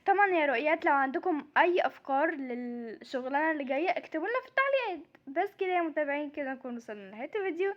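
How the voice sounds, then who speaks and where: Egyptian woman wrapping up her toy story vid, super high voice, chatty. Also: expressive, muffled recording. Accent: Egyptian Arabic. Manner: brisk, chatty. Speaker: storyteller and channel host. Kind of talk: doll role-play story narration.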